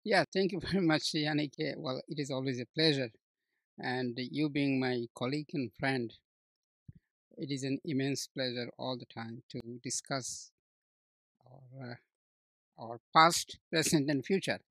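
A man in his sixties from Bangladesh, talking as an interview guest, halting often with fillers and restarts. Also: medium pitch, no echo. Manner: hesitant, many restarts and fillers, warm laughs. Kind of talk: conversational interview.

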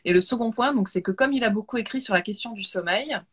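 A woman's voice: a little high, fast talker, breathy edge. A woman hosting a video call webinar, summarizing her guest's points and talking about books. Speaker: webinar host. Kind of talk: casual webinar chat.

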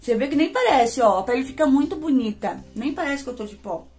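A Brazilian woman talks her viewers through a makeup product in a loose, chatty way, a bit higher in pitch than most women. Faint music plays behind her voice. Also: lively intonation, fast, darkish tone. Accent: Brazilian Portuguese. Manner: chatty, addresses viewers as gente. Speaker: beauty vlogger. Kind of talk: casual product review.

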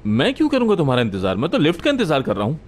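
An actor playing a jumpy, claustrophobic man in his thirties in a dubbed TV drama, excitable and whiny. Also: fairly high pitch, very fast, slight background noise. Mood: defensive. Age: 30s. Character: jumpy claustrophobic man panicking, boastful but fragile.

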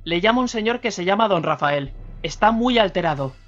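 Man playing a young female receptionist, hurried, breathless, raised voice, dull radio sound, faint music. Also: high-pitched, expressive, fairly bright tone, pitched above the performer's own voice. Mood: urgent.

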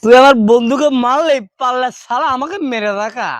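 A man's voice: extremely high pitch, big pitch swings, normal speed, pushed and bright, exaggerated voice. A man playing a brash, defiant village drunk who rambles tipsily in a comedy sketch. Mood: belligerent. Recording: noisy amateur recording with clicks.

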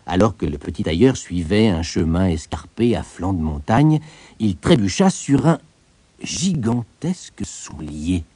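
A man narrating a storybook tale in an expressive, lilting way. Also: on the low side, slightly rough.

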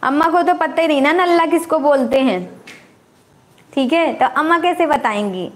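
A woman's voice: high voice, moderate pace. A middle-aged housewife hosting a casual live stream, chatting and teasing back as she reads viewer comments.

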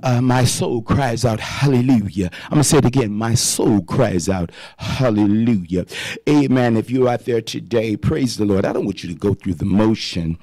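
A man's voice: on the low side, normal speed, dark tone, dry recording. A man in his fifties preaching live on radio from a studio, fervently calling out praise and amen between his thoughts. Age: 50s. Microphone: studio mic on boom arm, wearing headphones.

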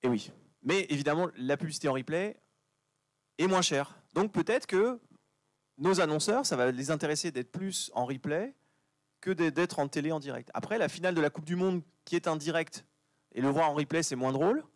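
A man giving a lively conference talk, chatty and joking with the audience. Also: fairly high pitch, normal speed, dry recording. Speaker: conference speaker. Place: conference venue.

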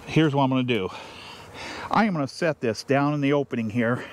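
A man, a beekeeper, explaining his steps in a casual, unhurried way while he works outdoors. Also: medium pitch, background noise. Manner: plain, unhurried, thinking aloud while working. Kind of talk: casual how-to narration. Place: outdoors beside a beehive. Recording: faint outdoor ambience with buzzing bees.

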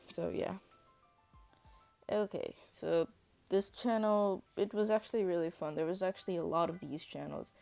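Monotone YouTuber guy, mellow voice. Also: a little high, vocal fry. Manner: flat, monotone delivery with rambling fillers. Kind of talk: casual celebration vlog. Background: faint background music.

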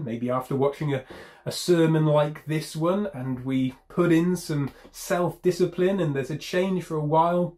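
A man's voice: a little high, darkish tone. A man preaching a sermon in an emphatic, conversational way, repeating key phrases and adding light self-deprecating humour.

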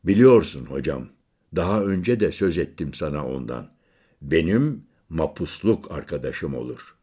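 A man's voice: very deep voice, animated, a little slow, mellow, breathy edge, pitched below the performer's own voice, full character voice. A man voicing a weary, brooding former prisoner and hunter who speaks in a hesitant, subdued way. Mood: somber.

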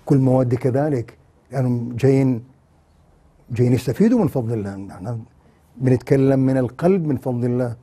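An older man giving satirical political commentary on television, mocking and animated. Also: medium pitch, fast talker, breathy edge. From Jordan. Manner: mocking, animated, mimics others in sing-song asides. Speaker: TV commentator, former university lecturer.

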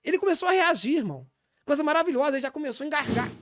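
A man doing a brash, fast-talking Brazilian apostle. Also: very high voice, no room sound, studio quality. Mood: deadpan. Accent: Brazilian Portuguese. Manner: deadpan, rambling, fast, with preachy asides. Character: brash, shameless male pastor calling himself apostle. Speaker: comedian in character as a self-styled apostle. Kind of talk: deadpan comic character monologue on a podcast.

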